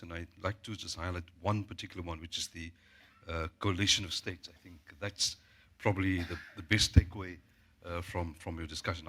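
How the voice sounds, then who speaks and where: A man moderating a public talk in an auditorium, polite and unhurried, thanking a speaker and introducing the next. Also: deep voice, fairly bright tone, a little hiss or hum.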